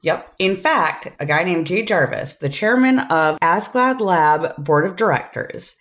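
A woman's voice: on the low side, expressive, measured pace, fairly bright tone. A woman hosting a podcast, explaining a case in casual chat and swearing casually. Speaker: podcast host.

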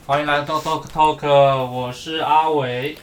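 A man with a Taiwanese Mandarin accent, co-hosting a podcast in casual chat and explaining things haltingly, often repeating words. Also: a little high, fairly even intonation, a bit bright, a little hiss or hum, low-quality recording. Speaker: podcast co-host.

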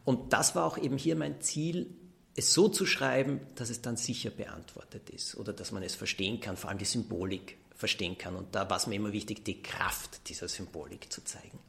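A man's voice: lowish voice, fairly quick, vocal fry, a bit bright. A man from Austria, a children's book author being interviewed, explaining ideas thoughtfully. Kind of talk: interview answers.

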